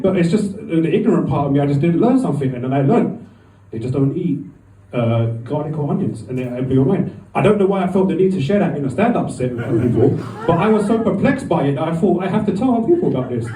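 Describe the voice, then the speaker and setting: A man's voice: a little high, animated, fast talker, dark tone. Rambling man doing stand-up. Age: 40s. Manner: rambling, self-deprecating, acts out voices with swearing. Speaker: stand-up comedian. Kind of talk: stand-up comedy set. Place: comedy club. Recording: echoey room, mic from far off.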